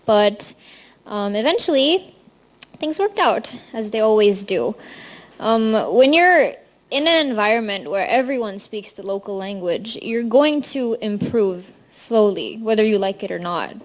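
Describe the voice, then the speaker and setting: A woman's voice: medium pitch, animated, measured pace. A young woman from India stands before an audience and talks about her university life. Her delivery is loose and friendly, sprinkled with ums and small restarts, like a student presenting to a room. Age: young adult. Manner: casual, frequent ums, friendly. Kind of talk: presentation talk.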